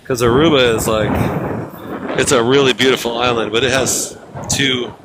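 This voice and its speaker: A man's voice: mid-range voice, fairly even intonation, normal speed. A man chatting casually on a livestream, laid-back and rambling, talking up to be heard over the wind. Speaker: live streamer. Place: outdoors on a windy rocky beach. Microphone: microphone on a livestream rig. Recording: very loud wind and surf noise. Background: crashing waves, loud wind.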